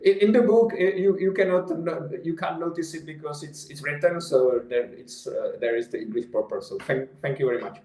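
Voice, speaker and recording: Slavic-accented man, halting and echoey. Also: a little high, mellow. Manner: halting, many restarts and repeated words. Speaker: guest, company founder. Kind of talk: casual interview answers. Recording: echoey room.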